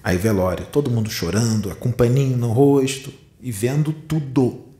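A man with a Brazilian Portuguese accent gives a spiritual teaching talk in a mellow, mid-range voice at normal speed. He tells vivid, dramatic stories and addresses his listeners directly, and the recording has a roomy echo.

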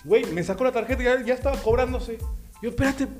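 A man's voice: extremely high pitch, fast talker, a little mellow, faint music behind. A man with a Mexican accent hosting a casual comedy chat, telling crude, joking stories. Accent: Mexican Spanish. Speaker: show host.

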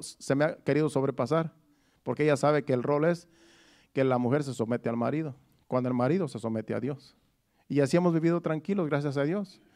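A man's voice: mid-range voice, a little mellow. A middle-aged man preaching a sermon in an earnest, personal way, often restarting his phrases. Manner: earnest, testimonial, with frequent restarts.

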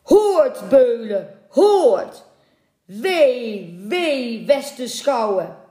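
A woman's voice: expressive, slow, darkish tone. A woman voicing a grieving old merman. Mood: cursing. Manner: pleading, then booming curses. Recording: roomy echoing room.

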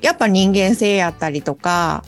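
A woman's voice: medium pitch, lively intonation, normal speed, faint music behind. A woman with a Kansai accent chatting casually as a co-host. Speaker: co-host and illustrator. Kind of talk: casual chat.

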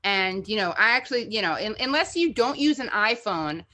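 A woman hosting a political discussion, talking in a chatty, animated way with many restarts. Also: mid-range voice, brisk.

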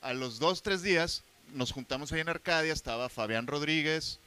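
A man with a Mexican accent telling a story in a casual chat, slangy and animated, acting out the voices he quotes. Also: a little high, normal speed, smooth.

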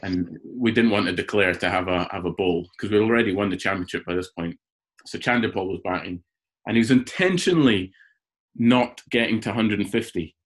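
A man with a lowish voice chats on a podcast as a cricketer guest. He tells his stories with animation and stumbles into repeated words as he builds them up. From Scotland. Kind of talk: casual podcast chat.

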